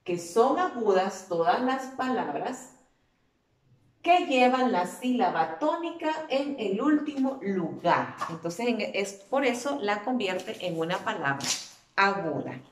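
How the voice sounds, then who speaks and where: A woman teacher walks children through a spelling lesson at an unhurried pace, stretching out and repeating each word so they can hear the stress. Her voice sits at an ordinary pitch, and the room gives it a noticeable echo. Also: very animated. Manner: patient, drawn-out repetition of words. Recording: echoey room.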